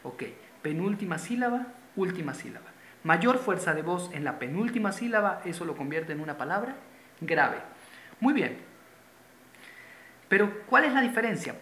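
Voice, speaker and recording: Man, grammar teacher, slow patient delivery with repeated terms, echoey room. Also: high-pitched, pushed and bright, a little hiss or hum. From Venezuela. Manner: patient, repeats key terms, points at a board. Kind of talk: classroom-style grammar lesson. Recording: roomy echo.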